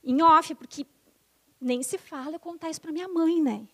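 A young adult woman sharing her personal conversion testimony, animated and emotional, acting out the voices of people in her story. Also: high-pitched, moderate pace. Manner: animated storytelling, acts out quoted dialogue; emotional, intensifying at the climax.

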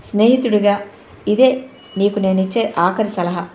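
A woman's voice: mid-range voice, moderate pace, darkish tone, lightly acted. Woman reading as a bitter, cutting young man. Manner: sarcastic, warning tone. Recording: roomy echo.

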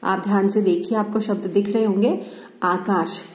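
A woman teacher giving a Hindi spelling lesson to schoolchildren, speaking slowly and carefully and repeating each word to stress how it is said correctly. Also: medium pitch, steady tone, darkish tone. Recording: echoey room.

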